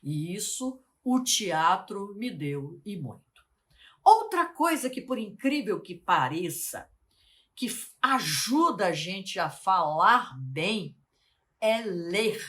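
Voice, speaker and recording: A woman, a life mentor teaching to camera, speaking slowly and articulating carefully, often asking the viewer questions. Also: mid-range voice, very animated, a bit bright. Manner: deliberate, slowed, carefully articulated delivery.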